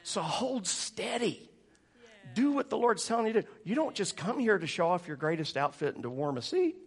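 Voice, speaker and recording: A pastor, telling funny stories and laughing often. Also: male voice, high-pitched, big pitch swings, moderate pace, breathy edge. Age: 40s. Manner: joking, storytelling, laughing often. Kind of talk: sermon.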